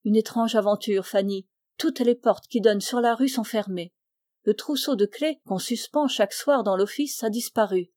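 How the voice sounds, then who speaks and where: A woman's voice: a little high, normal speed, darkish tone, no echo, natural voice. A woman reading an earnest young man in love. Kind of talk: audiobook dialogue reading.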